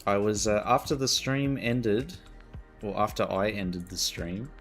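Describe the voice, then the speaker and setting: A man's voice: on the low side, unhurried, a bit bright, faint music behind. A male streamer chatting casually while he plays, laid-back and self-mocking. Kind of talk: casual chat while playing a game.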